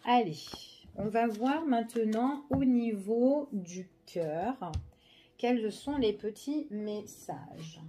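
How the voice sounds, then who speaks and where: Woman, tarot reader, mellow tone, chatty, frequent check-ins. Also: on the high side, drawn-out words, a little hiss or hum. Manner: chatty, many fillers and checks like "d'accord?". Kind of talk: tarot reading video.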